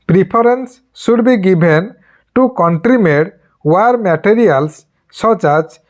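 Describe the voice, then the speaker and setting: A mid-pitched reader dictates a formal speech for shorthand practice. The pace is slow and measured. Sentences come in short, deliberate groups of words, separated by pauses. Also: lively intonation.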